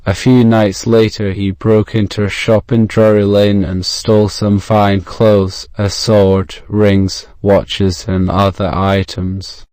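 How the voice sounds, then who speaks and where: A man with a modern British accent reading a scripted story for English learners, measured and clearly enunciated. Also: lowish voice, flat delivery, darkish tone, dry recording. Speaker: audiobook narrator.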